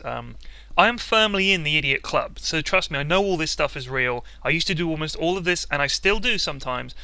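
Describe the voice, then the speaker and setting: Brief: male comic commentator, very bright tone, slightly high, sarcastic rant, dry close mic. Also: gravelly, clean tone, no echo. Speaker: video commentator. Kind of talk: comedic game commentary.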